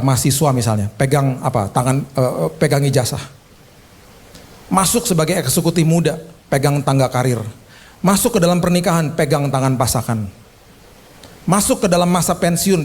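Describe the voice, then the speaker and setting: A man's voice: on the high side, a little mellow, breathy edge. A male pastor preaching a sermon, telling stories emphatically and slipping into casual slang.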